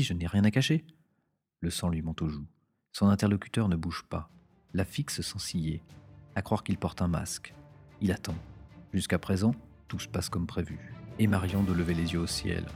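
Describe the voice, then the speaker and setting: A man narrating a thriller audiobook in a measured, dramatic reading. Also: low voice, a little mellow. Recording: faint background music.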